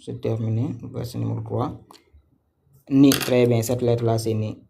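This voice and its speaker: A man's voice: medium pitch, little pitch movement, normal speed, creaky, mellow, slight background noise. A man teaching a live online reading lesson, patiently repeating syllables and words, asking students questions and praising their answers.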